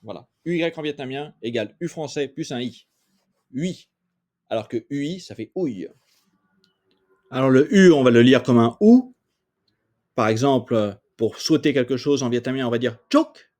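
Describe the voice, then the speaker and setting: A man's voice: mid-range voice, normal speed, long pauses, a little mellow. A man from France teaching a language lesson, patiently sounding out vowels and repeating each example. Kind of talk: explaining pronunciation in a lesson.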